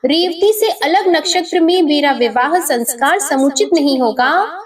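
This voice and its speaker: A woman's voice: high-pitched, animated, a little slow, distant mic. A woman voicing a determined young bride, with earnest, entreating delivery.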